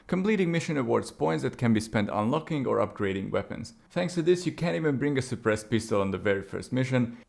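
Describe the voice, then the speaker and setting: Male narrator, scripted game review, gravelly texture, dry opinionated delivery. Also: medium pitch, a little mellow. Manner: opinionated, wry asides.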